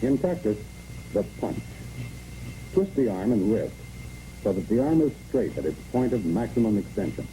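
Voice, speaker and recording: Through the noise and muffling of a 1960s training film soundtrack, an American man narrates military instructions in short, commanding steps from a script. His lowish, dark voice swings widely in pitch at a moderate pace, pausing often.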